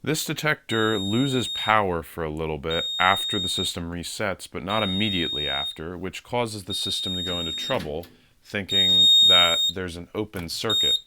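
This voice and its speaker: A man's voice: low voice, normal speed, very noisy. A man narrating an equipment demonstration, explaining each step in a matter-of-fact, methodical way. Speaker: fire alarm system demonstrator.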